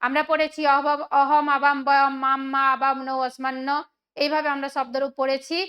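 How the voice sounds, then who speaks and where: A woman's voice: high voice, little pitch movement, a bit bright. A woman teacher working through exam questions step by step, asking questions and then answering them herself. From West Bengal, India. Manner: asks questions then answers them, slowing to read examples. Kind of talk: exam solution lesson.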